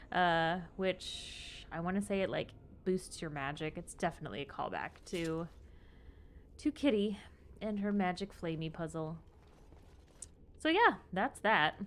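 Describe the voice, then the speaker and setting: A woman's voice: fairly low pitch, a little hiss or hum. A woman hosting a game playthrough with casual, wry, slangy commentary.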